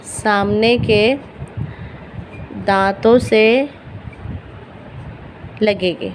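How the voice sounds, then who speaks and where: A woman's voice: medium pitch, fairly even intonation, a little hiss or hum, rough recording. Patient woman teaching letter sounds. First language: Urdu. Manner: patient, repeats each letter sound slowly. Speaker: Quran reading teacher. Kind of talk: beginner Arabic letter pronunciation lesson.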